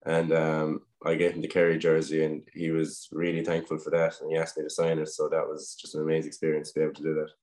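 Fast, flat-voiced Irish young man. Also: rumbling low. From Ireland. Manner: relaxed, anecdotal, frequent "um" pauses. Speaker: guest footballer. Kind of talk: casual interview storytelling.

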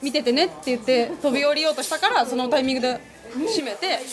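A woman guest telling a spooky personal story in a casual, animated way, often laughing as she talks. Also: high-pitched, fast.

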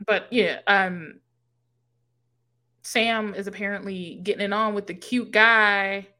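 A woman's voice: mid-range voice, takes it slowly. Chatty woman recapping a movie. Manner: animated storytelling, acts out characters' lines, swears casually. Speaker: podcast co-host. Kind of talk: casual movie recap chat.

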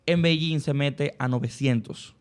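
A man explains the culture shocks he met abroad in a casual chat. His voice is a little high, and he lays things out step by step. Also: unhurried. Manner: explanatory, recounts experiences abroad.

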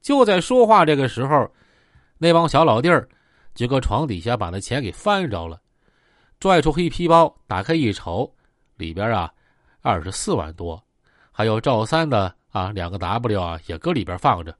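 Lively Northeastern male storyteller. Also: medium pitch, normal speed, dry recording, studio quality. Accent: Northeastern Mandarin. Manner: colloquial, vivid, with sound words. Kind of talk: oral storytelling of gangster tales.

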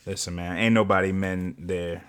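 A man's voice: low voice, steady tone, moderate pace, fairly bright tone, clean tone. A man co-hosting a casual sports talk show, laid-back and joking, steering the topics. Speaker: podcast co-host.

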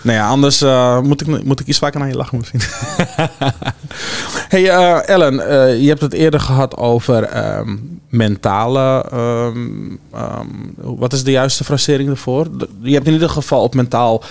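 A man's voice: mid-range voice, normal speed, vocal fry. A man hosting a talk show, asking questions with many hesitations and fillers. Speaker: host.

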